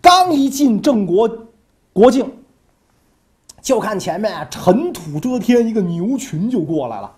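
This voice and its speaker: Guy telling history stories, casual and lively, mellow tone. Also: high voice, unhurried. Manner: animated, colloquial, acts out characters. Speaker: history storyteller. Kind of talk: casual storytelling podcast.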